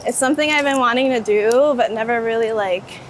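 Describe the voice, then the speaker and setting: Speaking a little fast in a fairly high-pitched voice, a woman chats during a walking interview on a city street. She's a street photographer, informal and enthusiastic, with "like" sprinkled throughout. Vehicles pass amid the street ambience, and a little hiss or hum is present.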